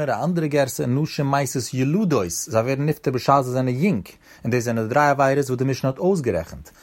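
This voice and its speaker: Man, Yiddish accent, Talmud class, singsong study-hall chant, mid-pitched voice. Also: darkish tone. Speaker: Talmud teacher.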